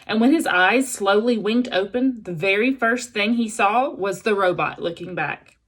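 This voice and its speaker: A female teacher reads a children's storybook aloud, narrating expressively. Her voice is mid-range and her pace moderate.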